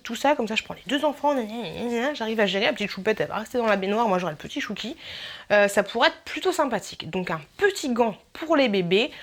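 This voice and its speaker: A woman YouTuber talking through her wishlist in a casual vlog, chatty and playful, rambling with filler asides. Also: fairly high pitch.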